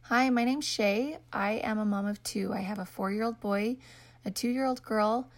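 A woman's voice: mid-range voice, moderate pace, soft background music. A young woman, out of breath, giving an informal prepared talk as a podcast guest. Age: young adult. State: out of breath from late pregnancy. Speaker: podcast guest, small business founder.

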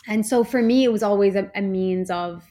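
A woman's voice: mid-range voice, fairly quick, mellow. A woman who grew up in Canada, a social enterprise co-founder, giving earnest, reflective interview answers and searching for her words.

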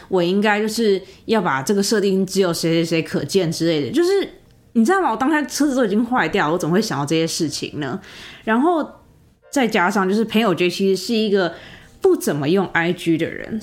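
A young woman hosting a podcast, telling a personal story in a chatty, casual way with many fillers and asides to the listener. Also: fairly low pitch. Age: young adult. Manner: chatty, animated, lots of fillers and rhetorical asides. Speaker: podcast host.

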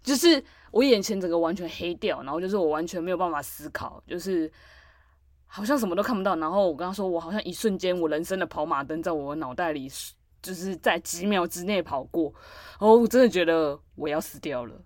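A woman's voice: fairly low pitch, brisk, darkish tone, no room sound, clean studio sound. A woman, co-hosting a podcast and telling a long, rambling story full of fillers. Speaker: podcast co-host. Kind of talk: casual chat.

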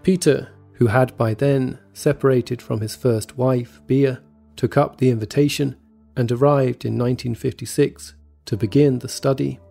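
A man tells a scripted true story in a steady, measured way. His voice is dark and warm, with a gravelly edge. Faint music plays beneath his narration. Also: medium pitch. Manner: measured, even storytelling delivery. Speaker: podcast narrator. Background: faint background music.

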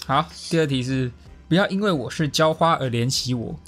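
A man's voice: medium pitch, expressive, fairly quick, a bit bright, faint music behind. A man hosting a casual movie-quote quiz with friends, reading out lines and confirming answers. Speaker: quiz host.

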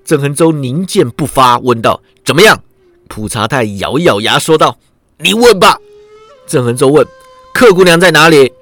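A man's voice: fairly high pitch, fairly bright tone, no echo. Man narrating a wuxia audiobook dramatically. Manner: vivid, dramatic storytelling. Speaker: storyteller.

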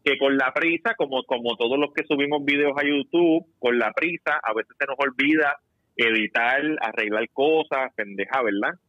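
Bright-voiced podcast host. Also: male voice, medium pitch, normal speed, no room sound, dull audio. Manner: animated storyteller, swears casually. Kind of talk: casual podcast chat.

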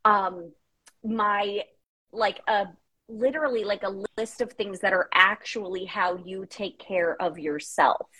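A woman in her thirties, a podcast guest chatting candidly and telling animated stories with many fillers. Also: mid-range voice, a little slow, husky, low-quality recording. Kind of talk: casual chat.

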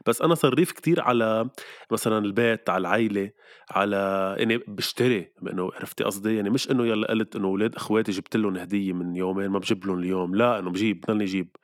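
A man with a Lebanese Levantine Arabic accent chats casually on a podcast at a brisk pace. His voice sits slightly low, and he is playful, often repeating phrases to make a point. The recording is dry and free of room sound. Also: no echo.

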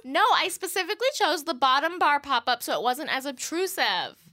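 A young woman on a podcast with a high, bright, animated voice. She giggles often and talks through advice in a calm, reasoning way. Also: fairly quick. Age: young adult. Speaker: podcast co-host. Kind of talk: casual advice chat.

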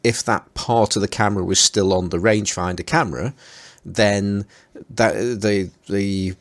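Male podcast co-host, deep voice, hesitant, lots of restarts. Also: fairly even intonation. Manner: hesitant, halting, many restarts and fillers. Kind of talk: casual chat.

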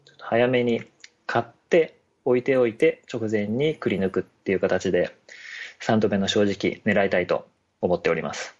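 A man's voice: fairly low pitch, normal speed, darkish tone. A man chatting casually and politely on a podcast, often laughing. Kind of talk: casual chat. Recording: dull lo-fi audio.

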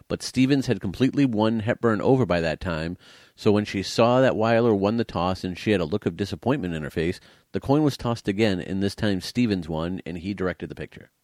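A man's voice: lowish voice, a little mellow, no room sound. A man co-hosting a casual movie chat, dryly teasing his co-host and reading out trivia. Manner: dry, teasing, reads trivia aloud. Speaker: podcast co-host.

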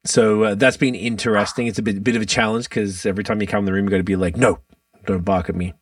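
A man's voice: lowish voice, steady tone, racing, recorded from a distance. A man chatting casually and bluntly as a podcast host, with plenty of slang and swearing. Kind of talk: casual chat.

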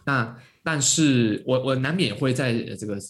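A man's voice: medium pitch, moderate pace. A man telling a story in casual conversation, with many fillers and restarts, acting out the voices of the people in it. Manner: acts out quoted voices of parents. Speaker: podcast guest.

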